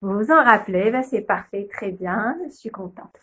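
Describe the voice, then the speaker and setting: A young woman, a kindergarten teacher, slowly and patiently sounding out letters and syllables in a phonics lesson video. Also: medium pitch, a bit bright, husky.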